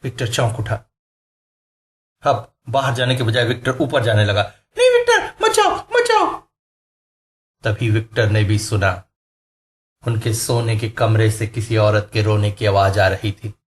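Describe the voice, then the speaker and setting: A man narrating a horror story in a slow, suspenseful storytelling manner. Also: fairly low pitch, steady tone. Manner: slow, suspenseful, rising in tense moments. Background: faint music.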